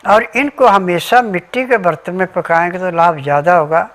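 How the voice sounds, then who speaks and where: A man's voice: sits high, lively intonation, normal speed, a bit bright. A man giving an instructional health talk as a remedy advisor, methodically listing ingredients and diet rules step by step.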